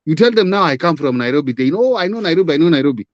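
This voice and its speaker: A man's voice: fairly high pitch, animated, rapid-fire, dry recording, dull audio. A Kenyan man talking politics as a guest, emphatic and full of rhetorical questions, switching between English and Swahili. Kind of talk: live-stream political chat.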